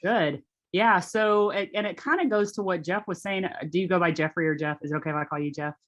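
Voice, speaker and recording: A woman talks casually to a small group over a video call, full of asides and "like"s. Her voice sits a little low for a woman, and she sounds friendly and unhurried as she leads the session. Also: a bit bright, muffled recording, a little hiss or hum. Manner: chatty, conversational, lots of "like". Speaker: faculty workshop presenter.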